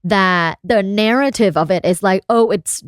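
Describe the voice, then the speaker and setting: A Thai sex researcher appears as a podcast guest, speaking frankly and casually in a relaxed interview, laughing often. Her mid-range voice is unhurried, captured with clean studio sound and no room echo.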